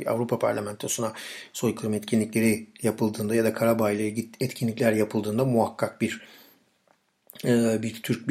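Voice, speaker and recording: A man from Turkey with a slightly hoarse voice, giving informal solo political commentary as a podcast host and haltingly searching for his words. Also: on the low side, a little mellow.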